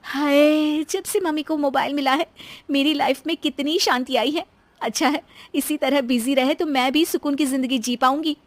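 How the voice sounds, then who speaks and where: A woman's voice: high-pitched, steady tone, moderate pace, dry recording, voice pushed up, lightly acted. A woman voicing a harried, emphatic young daughter-in-law in a cartoon story. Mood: relieved. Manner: complaining, emphatic.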